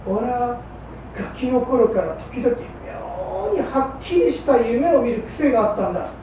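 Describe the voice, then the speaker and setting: A woman voicing a rough, hard-drinking male fishmonger who speaks in clipped old Edo Tokyo working-class slang. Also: fairly high pitch, very animated, measured pace, dark tone. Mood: dismayed. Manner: gruff, clipped, rough-spoken. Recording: roomy hall from far off, faint hum.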